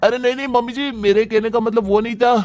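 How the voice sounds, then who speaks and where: A man's voice: very high voice, steady tone, quick pace, darkish tone, dry recording. A man voicing a lazy, whining young son-in-law who makes excuses in a cartoon. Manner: whiny, complaining.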